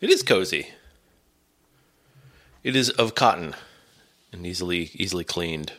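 Deep, gravelly middle-aged man with a cold. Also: animated, unhurried, a bit bright. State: has a cold. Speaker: podcast host. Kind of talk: casual podcast chat.

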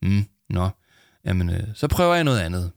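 A man's voice: low-pitched, big pitch swings, gravelly, no room sound, studio quality, heavily acted. A man reading as an earnest, nervous schoolboy. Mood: stiff. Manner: nervous, formal.

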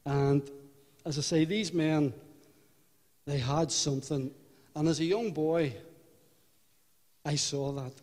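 Older belfast guy telling his church testimony, slow and halting, mellow voice, lots of hall echo. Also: on the high side, fairly even intonation. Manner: unhurried, reflective, halting. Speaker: church member giving testimony. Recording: hall reverb.

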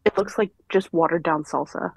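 A woman's voice: sits low, normal speed, husky, no echo, rough recording. A woman guest on a podcast, chatting casually with short replies. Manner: brief backchannel replies. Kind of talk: casual chat.

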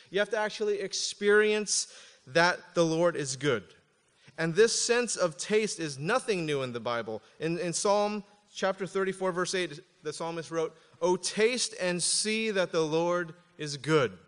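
Pastor with a slightly high voice in a reverberant hall. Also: male voice, animated, a bit bright, clean tone. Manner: reads scripture aloud slowly, then explains with casual asides. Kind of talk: sermon.

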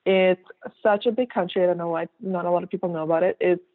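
Over a tinny, phone-like line with no echo, a woman in her thirties from Kazakhstan, a native Russian speaker, chats casually as a guest artist being interviewed. Her fairly low voice moves fast with fairly even intonation as she rambles, using fillers and restarts and laughing easily.

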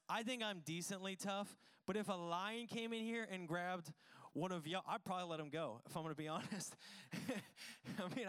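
In a laid-back sermon at a church service, a pastor jokes with the congregation and teases himself. His voice is high, clean, and a little bright.

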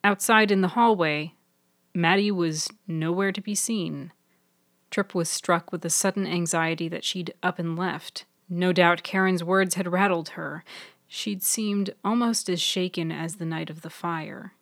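Low, dry-voiced woman narrating fiction. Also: steady tone, unhurried, no room sound. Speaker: author and narrator. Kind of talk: scripted audiobook narration.

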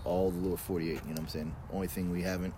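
Deep-voiced man telling fireside stories. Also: little pitch movement, very fast, warm tone. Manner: colloquial, mild swearing. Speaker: guest telling personal stories. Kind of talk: fireside storytelling, casual and conversational. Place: outdoors in a backyard. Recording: noisy outdoor ambience with vehicle sounds.

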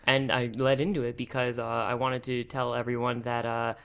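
A man's voice: mid-range voice, level tone, moderate pace, gravelly, fairly bright tone, smooth. A man hosting a podcast in a casual, wry, joking way. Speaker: podcast host. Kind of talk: casual chat.

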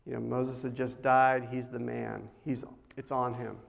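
A middle-aged man giving a conversational sermon as a pastor, telling stories in a casual, animated way with big swings in loudness. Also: mid-range voice, a little slow, vocal fry.

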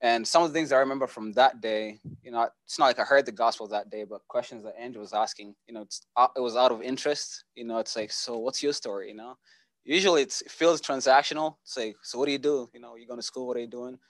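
A man's voice: mid-range voice, quick pace, no echo. Earnest young man from Kenya. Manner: earnest, relaxed, many fillers. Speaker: church member giving testimony. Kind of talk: casual testimony talk.

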